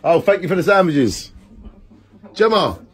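A man's voice: on the high side, very animated, a little slow, slightly rough, soft background music. Rambling man filming himself at home. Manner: rambling, upbeat, drifting into soft murmurs. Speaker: vlogger. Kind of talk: casual home vlog. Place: small home, indoors. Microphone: phone held at arm's length.

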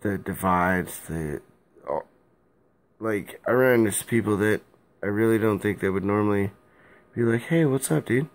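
This is a casual, rambling vlog rant from a young man who is drunk, his speech loose and halting and full of repetition. His voice sits on the low side, and he's filming himself with a phone at arm's length in a small room at home.

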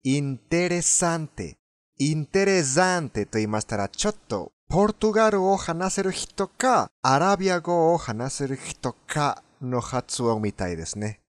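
A man's voice: on the high side, big pitch swings, moderate pace, few pauses, no room sound, clean studio sound. A native Spanish-speaking man with a foreign accent, giving language lesson commentary.

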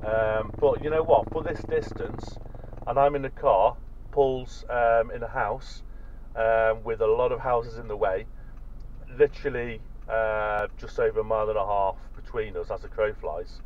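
Inside a car, a British vlogger tests two-way radios while offering casual commentary as he drives. His fairly low voice stays steady and a bit slow, competing with loud engine and road noise in a dull-sounding recording.

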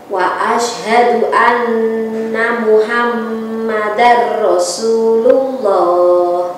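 A middle-aged woman with an Indonesian accent, a teacher leading children's prayers, reciting deliberately phrase by phrase. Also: a little high. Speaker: kindergarten teacher. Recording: very echoey room, distant mic, faint noise.

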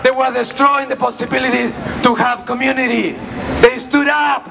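A man from Chile giving a shouted protest speech at an outdoor rally, his voice worn out from yelling. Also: very high voice, little pitch movement, normal speed, gravelly. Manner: impassioned, rallying. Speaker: rally speaker. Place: outdoor city rally in front of a large building. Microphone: far camera in the crowd. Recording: distant voice over a noisy crowd. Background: cheering crowd.

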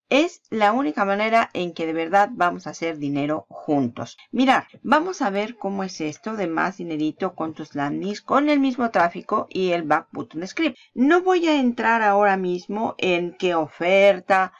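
Upbeat woman with a gravelly, lo-fi voice. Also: mid-range voice. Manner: upbeat, chatty, explains step by step. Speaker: online marketing channel host. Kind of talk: screen-recorded tutorial.

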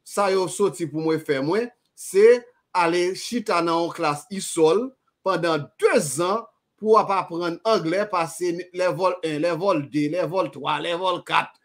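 Haitian man, high voice, animated storytelling, casual discussion. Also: slow pace. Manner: animated storytelling, asks "vous comprenez?".

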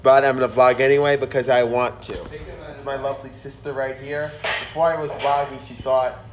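A young man vlogs a tour of his small city apartment on a handheld phone, his voice nasal and stuffed-up from a cold. He rambles casually, corrects himself and tosses off jokes in a steady, mid-range voice at a moderate pace. The phone recording is lo-fi and noisy.

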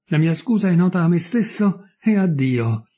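A man's voice: high-pitched, sing-song, normal speed, warm tone, slightly rough, pitched above the performer's own voice, heavily acted. A man voicing a desperate male murderer who pleads with passion in an audiobook reading. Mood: impassioned. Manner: impassioned, anguished.

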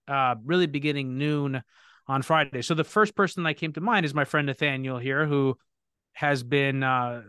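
A man's clear, resonant voice sits on the high side as he hosts a live podcast Q&A. He talks with energy and often restarts sentences to correct himself. The clean studio sound has no echo.

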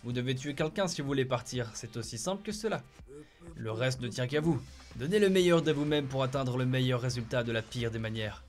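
A man's voice: medium pitch, fairly quick, soft background music, lightly acted. A man voicing a mocking robot bear headmaster, cruel and gleeful, in a theatrical, sing-song, taunting manner. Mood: gleeful menace.

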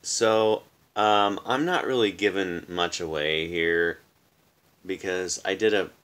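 Low-voiced man rambling casually. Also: slow, a bit bright, a little hiss or hum. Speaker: vlogger. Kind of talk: casual, rambling chat to camera. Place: small room indoors at home.

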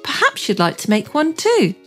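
A woman with a high, lively voice presents like a kids show host. She narrates a scripted lesson for young children, encouraging them and putting simple questions to them. Music plays behind her. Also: normal speed.

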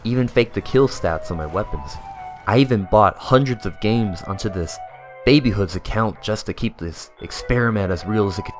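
A young man delivering a mock-serious comedic voice-over as a gaming YouTuber. His tone is deadpan and sarcastic, and at times it slides into exasperated rants. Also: lowish voice. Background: faint background music.

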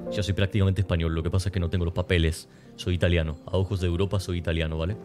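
A man's voice: low-pitched, little pitch movement, rapid-fire. A young man, raised in Spain and Argentina, casually chatting with his stream chat while gaming, coughing now and then. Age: young adult. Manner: rambling, joking, answering chat. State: persistent cough. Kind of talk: casual gameplay commentary, reading chat. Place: home streaming room. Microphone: desk mic near webcam. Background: game music.

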